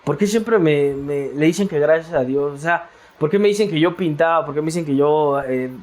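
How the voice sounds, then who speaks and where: A man with a Mexican accent, a guest in a casual interview, tells his story in a reflective, meandering way, full of fillers and repeated words. His voice is slightly high and a little mellow, at a normal speed.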